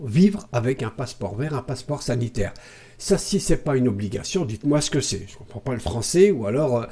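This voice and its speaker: Sarcastic French commentator with a dark voice. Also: male voice, fairly high pitch. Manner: sarcastic, lively, with frequent hesitant fillers. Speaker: video commentator. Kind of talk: ranting political commentary to camera.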